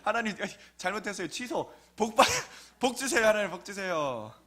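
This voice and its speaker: A man's voice: sits high, lively intonation, fairly quick, bright, forceful tone, heavily acted. A man preacher voicing a frantic middle-aged mother who curses and then pleads, in an exclamatory way. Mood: pleading.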